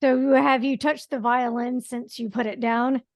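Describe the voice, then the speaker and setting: A woman's voice: high voice, little pitch movement, measured pace. A woman hosting a podcast, asking curious and encouraging interview questions. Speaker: podcast host.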